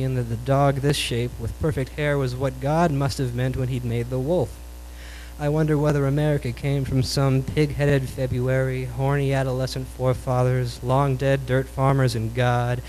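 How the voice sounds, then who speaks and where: A man performing his own poems at a live reading in a cool, measured Beat style, like a beatnik poet. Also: medium pitch, a little mellow. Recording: noisy live recording with hum.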